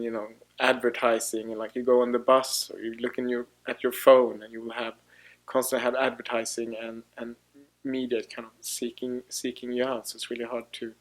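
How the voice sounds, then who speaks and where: Man, 30s, designer interviewee in a studio; even, low-key delivery, hesitant and searching for words. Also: poor audio. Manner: halting, many restarts and "you know" fillers. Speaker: fashion designer. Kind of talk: documentary interview.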